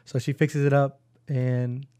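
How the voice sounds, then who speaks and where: A young man telling a story in a casual chat, animated and full of slang and swearing. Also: medium pitch, a little slow, clean tone, no room sound. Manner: animated, swearing, acts out quotes. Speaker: podcast co-host.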